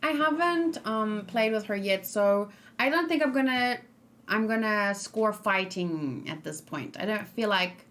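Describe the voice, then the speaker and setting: This streamer is a young woman reacting live to a game character, her medium-pitched voice animated and fairly bright. Speaking unhurriedly, she chats casually, reads out viewer comments and rambles, filling gaps with frequent fillers.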